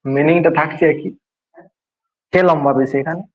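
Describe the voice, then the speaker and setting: Guy teaching grammar, slightly high voice, keeps asking the class questions, kinda dull sound. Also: steady tone. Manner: explains slowly, repeats and quizzes students. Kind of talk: grammar lesson.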